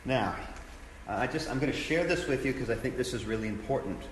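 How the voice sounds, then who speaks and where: A man's voice: medium pitch, expressive, brisk. A man, a pastor, teaching a sermon in an earnest, conversational way, repeating his key phrases. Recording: echoey hall with faint background noise.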